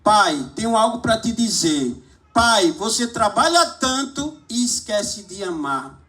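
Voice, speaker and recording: A man's voice: sits high, very animated, slow, pushed and bright, full character voice. A man voicing a sensitive young boy pleading for love in a sermon story. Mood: farewell.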